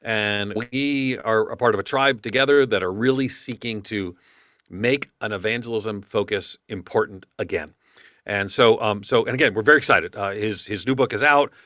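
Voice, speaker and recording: A man hosting a podcast in casual chat, talking quickly and rambling with many restarts. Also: lowish voice, bright, forceful tone, no echo, studio quality. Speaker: podcast host.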